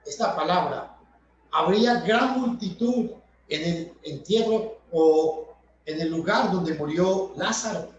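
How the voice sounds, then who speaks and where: A man teaches from scripture at an unhurried pace, rephrasing each idea again and again. His voice sits high. The recording is dull and distant, with heavy room echo. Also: expressive. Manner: explanatory, repeats and rephrases points. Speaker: preacher. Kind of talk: Bible study sermon. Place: church hall.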